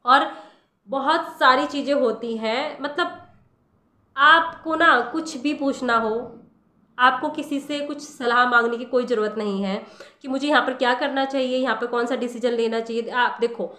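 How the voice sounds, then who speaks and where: A woman's voice: high-pitched, moderate pace, pushed and bright. Echoey woman teaching meditation. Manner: conversational, addresses listener directly with rhetorical questions. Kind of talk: casual spiritual talk. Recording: echoey room.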